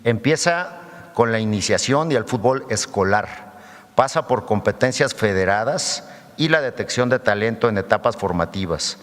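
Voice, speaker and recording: Man, low voice, formal official presenting figures and slides at a podium; long hall reverb. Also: expressive, normal speed, a bit bright. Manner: reads figures steadily and calls for the next slide. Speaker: government official presenting at a press conference. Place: government press conference hall.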